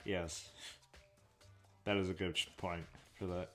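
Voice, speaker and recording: A man's voice: low-pitched, level tone, a little slow, a bit bright, faint music behind. A man casually rambling and joking while commentating his own game playthrough, often trailing off. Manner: casual, self-deprecating, trailing off, swears. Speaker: let's play host.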